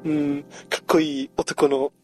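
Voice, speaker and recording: A man's voice: on the high side, flat delivery, a little slow, natural voice. A man putting on a campy, effeminate character who chats in a sing-song, giggly way. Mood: playful.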